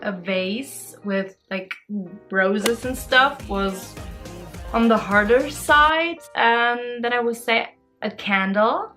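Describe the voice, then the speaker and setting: A woman's voice: fairly high pitch, takes it slowly, pushed and bright, faint music behind. A woman in her twenties answering fan questions in a casual, bubbly and giggly vlog chat. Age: 20s. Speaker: social media creator.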